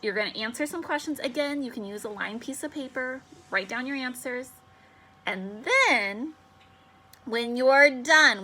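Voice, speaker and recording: Young woman teacher, upbeat, encouraging, bright slightly high voice, remote lesson for kids. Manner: upbeat, encouraging, slows to sound out syllables. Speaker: elementary school teacher.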